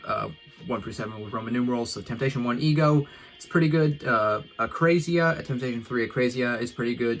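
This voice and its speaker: A man in the middle of an album ranking, talking off the cuff in a relaxed, meandering way with plenty of fillers. His voice sits at an ordinary pitch for a man. Soft music plays faintly underneath. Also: rough recording. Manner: rambling, laid-back, lots of "like" and "uh". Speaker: music reviewer. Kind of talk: casual album ranking vlog.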